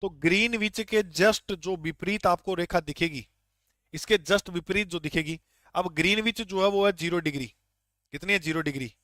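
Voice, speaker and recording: High-voiced man teaching geography. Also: moderate pace, fairly bright tone, no room sound, studio quality. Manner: repeats key points and quizzes students. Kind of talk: online geography class.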